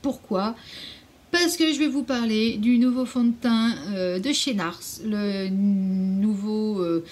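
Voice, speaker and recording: A woman's voice: medium pitch, slow, a little mellow. A woman chatting casually in a beauty vlog at home, frank and a little sarcastic, now and then cooing to her cat. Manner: frank and opinionated, mildly sarcastic. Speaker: beauty vlogger. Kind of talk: casual anti-haul vlog chat.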